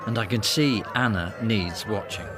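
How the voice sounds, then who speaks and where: An actor playing Judas as a smooth-talking young man, coaxing and insinuating in a radio drama. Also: on the low side, normal speed, lightly acted. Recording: radio play with music underneath.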